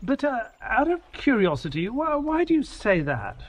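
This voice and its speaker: An actor playing Doctor Watson in an audio drama, the skeptical, grumbling companion of a detective who also narrates, with a husky, expressive delivery. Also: male voice, very high voice, moderate pace, full character voice. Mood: exasperated. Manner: exasperated, expressive storytelling.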